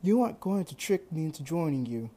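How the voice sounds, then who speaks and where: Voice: medium pitch, big pitch swings, fast, dark tone. A reader doing a brash young hero. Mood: urgent. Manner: raised, emphatic delivery.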